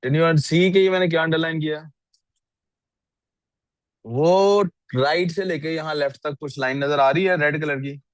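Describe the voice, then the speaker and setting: A man's voice: a little high, unhurried, pauses often, no room sound. A male English teacher on a video call, reviewing student writing and questioning the class, mixing English into his speech. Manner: questions the class often, mixes English into Urdu.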